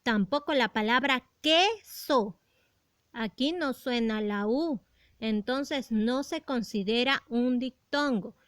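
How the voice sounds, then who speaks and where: A woman gives a grammar lesson for young pupils, speaking slowly and deliberately with a smooth, crisp voice. She poses rhetorical questions as she explains. Her voice is fairly high and sounds close and dry, with no room echo. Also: fairly bright tone. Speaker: primary school teacher.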